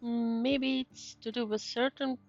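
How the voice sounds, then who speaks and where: A woman streamer with a fairly high, fairly even voice gives casual game commentary at normal speed, thinking aloud, reading on-screen text and murmuring acknowledgements. Her mic sounds muffled over faint game music.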